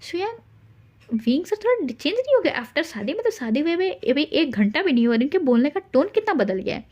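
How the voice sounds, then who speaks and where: A woman's voice: sits high, very animated, a little fast, darkish tone, muffled recording, voice pushed up. A woman voicing a chatty, curious young male assistant in a told-aloud story. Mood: surprised.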